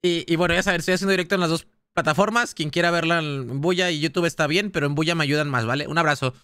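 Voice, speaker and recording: A Mexican man commenting on a game live, in a high, bright voice that carries lots of energy. He talks in a chatty, slangy way, reacting out loud and speaking straight to his chat. The sound is dry and close, with no room echo. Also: fast, clean tone. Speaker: gaming streamer.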